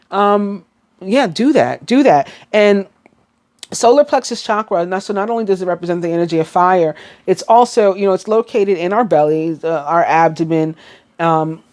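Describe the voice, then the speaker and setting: A woman's voice: medium pitch, warm tone. A woman with a New York accent giving a casual, rambling tarot reading, full of fillers and restarts. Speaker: tarot reader.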